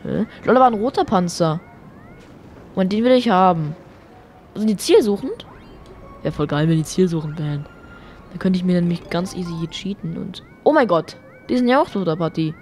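A woman giving excitable, chatty gameplay commentary as a let's play host, swearing and dropping English exclamations, her voice getting strained. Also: fairly low pitch, moderate pace, a little hiss or hum. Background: faint game music.

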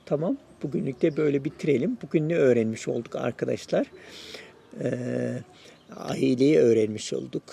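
A man's voice: mid-range voice, gravelly, warm tone, slight background noise. A man hosting a casual spoken lesson, encouraging his viewers and repeating his advice as he shares his own experience learning a language. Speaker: YouTube host sharing his Russian learning.

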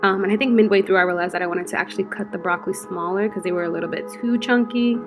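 A woman in her twenties, chatty and relaxed, walking through a meal prep in her home kitchen. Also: medium pitch, very fast, over music. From United States. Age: 20s. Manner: chatty, relaxed, lots of fillers. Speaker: lifestyle vlogger. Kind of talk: casual how-to vlog.

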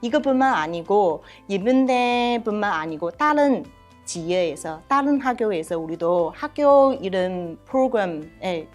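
Chinese woman speaking halting accented Korean. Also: medium pitch, expressive, faint music behind. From China. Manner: halting non-native Korean with frequent fillers. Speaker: professor, head of a university Chinese department. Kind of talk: question-and-answer interview.

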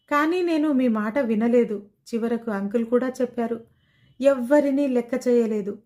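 A woman's voice: on the high side, mellow, close to an everyday voice. A woman storyteller voicing an ashamed, frightened young pregnant woman who talks apologetically and is close to tears.

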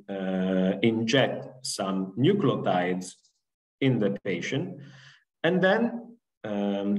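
A young adult man, an invited researcher, gives a webinar lecture over slides from an indoor room on a video call, explaining in a halting way with many fillers and restarts. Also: on the low side, poor audio. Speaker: invited researcher giving a talk. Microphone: video call from a laptop webcam.

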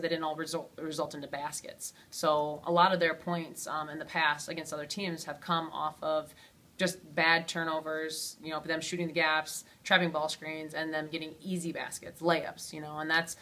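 A woman head coach answering postgame questions in a steady way, with frequent ums and you-knows. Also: sits low. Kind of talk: postgame interview.

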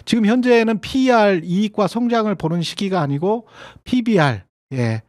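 A man's voice: sits high, expressive, moderate pace, darkish tone. A middle-aged man hosting a solo economics commentary, speaking conversationally with frequent fillers and self-corrections. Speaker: host of an economics commentary channel.

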